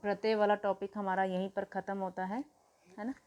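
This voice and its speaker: A woman teaching a grammar lesson to students, repeating key words slowly, asking questions and answering them herself, and telling the children to write things down. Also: medium pitch, little pitch movement, a little mellow. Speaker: Hindi teacher.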